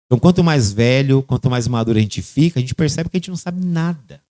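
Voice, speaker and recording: A man, a pastor preaching a sermon and calling on church members by name, shifting between loud and quiet. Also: medium pitch, expressive, quick pace, no echo. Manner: addresses congregation members by name.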